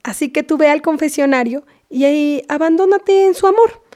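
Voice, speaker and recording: A woman's voice: high-pitched, normal speed, a little mellow, lightly acted. A woman playing a scolding Mexican mom. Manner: scolding, lecturing, half-whispered. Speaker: mother. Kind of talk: comedy sketch acting.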